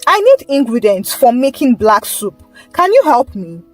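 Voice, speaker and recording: A woman's voice: fairly high pitch, sing-song, measured pace, soft background music. A woman voicing a pleading young wife. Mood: polite. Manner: pleading, earnest.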